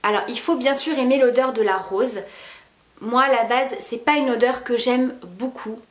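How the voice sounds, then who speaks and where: A woman's voice: on the high side, steady tone, normal speed, echoey room. A woman giving a casual, chatty beauty product review with many fillers and restarts. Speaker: beauty vlogger.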